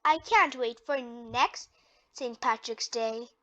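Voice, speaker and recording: A storybook reader voicing an eager, cheerful little girl pig who is excited and curious. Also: medium pitch, slow pace, muffled recording, pitched below the performer's own voice.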